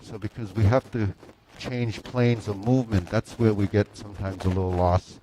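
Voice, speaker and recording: A man teaching tai chi, calling out movement cues in calm, measured short phrases with pauses between them. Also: fairly low pitch, poor audio. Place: large mirrored wood-floored indoor studio. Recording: faint room noise.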